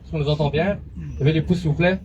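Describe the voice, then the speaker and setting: A man organizing a march, making brisk announcements to a crowd through a megaphone outdoors, halting with fillers. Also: on the high side, a little mellow, lo-fi sound, slight background noise.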